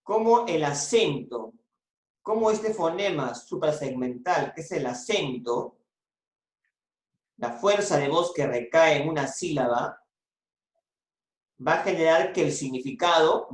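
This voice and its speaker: Patient teacher on a video call, slow and repetitive, prompting the class; roomy, echoing sound. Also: mid-range voice, animated. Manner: patient, repeats and prompts students. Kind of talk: online class lesson.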